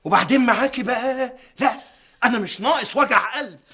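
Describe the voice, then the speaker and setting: A weary, husky Egyptian husband. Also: male voice, very high voice, a little fast, heavily acted. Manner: exasperated, pleading for calm. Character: weary husband trying to calm his wife. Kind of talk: TV drama acting.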